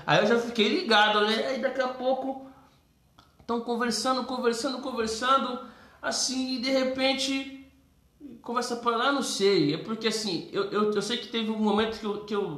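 A man with a Brazilian Portuguese accent telling a testimony story in a casual, animated way, acting out voices and calling listeners brothers. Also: high voice, brisk. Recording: roomy echo.

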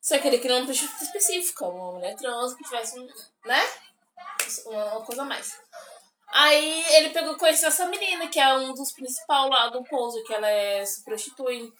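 A woman co-hosting a podcast, chatting in an animated, giggly way and acting out what others said. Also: high-pitched, brisk, slight background noise. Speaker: podcast co-host. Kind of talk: casual chat. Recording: roomy echoey room.

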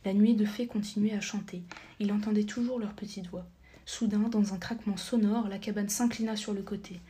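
A woman narrating a storybook audiobook, reading steadily and sometimes dropping to a soft, near-whispered tone. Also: medium pitch, a little fast, slight background noise. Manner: steady reading, drops to a soft near-whisper at times, corrects small slips. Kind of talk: scripted narration.

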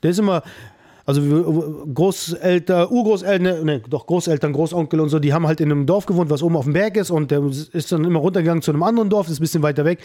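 A man with a high voice talks fast in a casual podcast chat. He tells stories with energy and acts out what the people in them say. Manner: animated storyteller acting out quotes. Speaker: podcast host.

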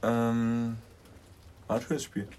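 A young man co-hosting a podcast in casual chat, animated and quick to laugh as he tells stories. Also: mid-range voice, a little hiss or hum. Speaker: podcast co-host.

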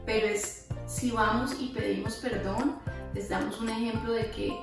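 A woman chatting casually as co-host, telling stories in an animated way. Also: a little high, moderate pace, vocal fry. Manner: storytelling, animated. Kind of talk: casual chat. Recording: echoey room, far from mic, with music.

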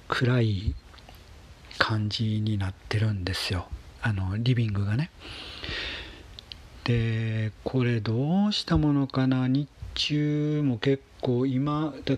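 A man speaks in a husky, breathy voice at a medium pitch. He talks casually on his own, unhurried and halting, letting phrase ends trail off softly. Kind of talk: casual monologue about home life.

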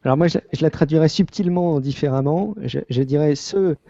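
A man from France hosting a podcast, steering the talk in a relaxed, polite way; the audio is slightly muffled. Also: a little high, a little fast, gravelly, no echo. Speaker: podcast host.

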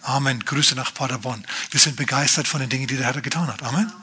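A male pastor preaching a lively, chatty sermon, often turning to his listeners with asides. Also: mid-range voice, fast talker.

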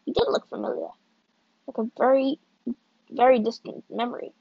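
Lady reading a book chapter out loud, kinda high voice, muffled lo-fi recording. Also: fairly even intonation, normal speed, dry recording. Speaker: audiobook reader. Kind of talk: reading a novel aloud.

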